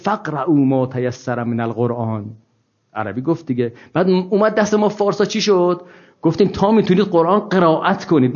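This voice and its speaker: A man's voice: a little high, darkish tone. A man giving an informal scripture lecture to an audience, wry and ironic, asking many rhetorical questions. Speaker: religious lecturer. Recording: dull lo-fi recording.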